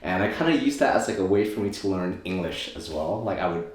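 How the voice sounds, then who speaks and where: A man's voice: deep voice, expressive, fairly quick. A young man from Thailand, a native Thai speaker, telling his story as an interview guest in a loose, rambling way full of fillers. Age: 20s. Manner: rambling, filler-heavy, self-correcting. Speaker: guest, optometrist and DJ. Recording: very echoey room.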